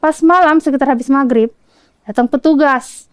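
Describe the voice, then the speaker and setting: A woman from Kolaka, a mother with a Southeast Sulawesi Indonesian accent, gives an earnest, detailed retelling of events in a podcast interview. Her voice sits high, her pace is moderate, and the recording has no echo.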